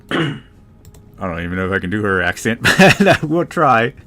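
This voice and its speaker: A man narrating as game master in a relaxed, hesitant way with frequent fillers. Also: lowish voice, a little slow, faint music behind.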